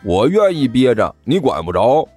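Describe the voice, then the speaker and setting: A man's voice: mid-range voice, sing-song, moderate pace, darkish tone, slightly rough, soft background music, voice pushed up. A man voicing a prim, self-righteous schoolmate with a sneering, tattling manner. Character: snide, prim male schoolmate who tattles.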